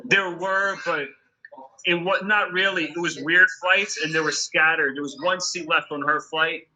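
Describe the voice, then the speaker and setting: A man, a guest musician, telling a story in casual chat with quick, punchy talk and swearing. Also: a little high, steady tone, bright, forceful tone, poor audio.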